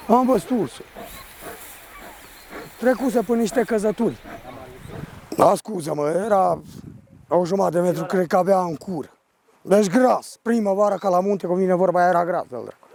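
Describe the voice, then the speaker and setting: A man working as a shepherd, telling a personal story in a rough, rambling, vivid way. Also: high voice, pauses often, a little mellow.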